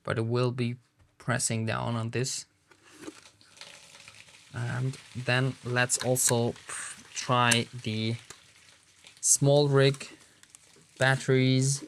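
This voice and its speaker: Slow, halting man with a German accent. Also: mid-range voice, flat delivery, gravelly, background noise. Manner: halting, thinking aloud as he handles gear. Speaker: product reviewer. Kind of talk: casual unboxing commentary.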